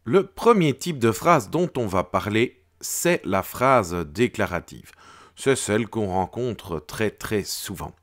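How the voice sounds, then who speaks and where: A low-voiced man teaches schoolchildren, unhurried and deliberate. His pitch swings widely as he stresses each example, and he keeps his phrasing clear and patient. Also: lively intonation. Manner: slow, clear, explaining with exaggerated intonation on examples. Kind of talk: grammar lesson for children.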